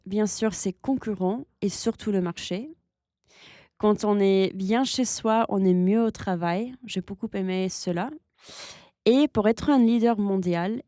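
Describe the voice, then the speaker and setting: A woman co-hosting, reading out a summary of the conversation in a measured way. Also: medium pitch, warm tone, no echo, studio quality. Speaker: co-host.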